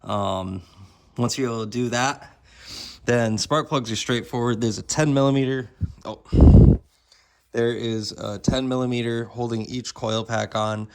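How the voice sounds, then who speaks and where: A man giving a casual how-to walkthrough while working on a car engine, explaining each step in a plain, low-key way. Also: steady tone, a little slow, vocal fry, a little mellow. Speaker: DIY car repair presenter.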